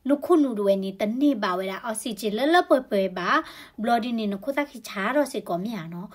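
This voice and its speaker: A woman's voice: mid-range voice, quick pace, a little mellow. A woman explaining health topics in a conversational way, often adding tag particles to her sentences. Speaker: health educator.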